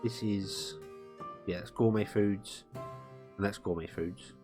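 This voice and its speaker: A man's voice: on the low side, steady tone, slow. A man giving live commentary on a game while he plays, rambling and thinking aloud. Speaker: game streamer. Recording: music playing under the voice. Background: guitar music.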